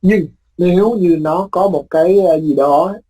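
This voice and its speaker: Husky-voiced male teacher explaining phonetics. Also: sits high, mellow, rough recording. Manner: explains patiently, drawing out example words slowly; repeats points for emphasis with tag words. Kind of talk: recorded phonetics lecture.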